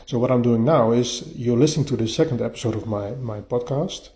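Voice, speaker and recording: A man's voice: medium pitch, dark tone. Man talking into his phone, lo-fi sound. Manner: halting, often repeats words as he restarts. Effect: voice recorded on a phone. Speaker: podcast host. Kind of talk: casual solo podcast monologue. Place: partly furnished bedroom, a bit echoey. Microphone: phone voice-note app. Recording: lo-fi phone recording, echoey room.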